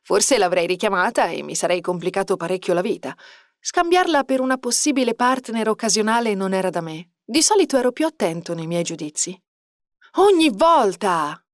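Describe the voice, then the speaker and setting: A woman narrating an audiobook with a lively, expressive reading. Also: medium pitch, brisk, no echo, clean studio sound. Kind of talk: scripted narration.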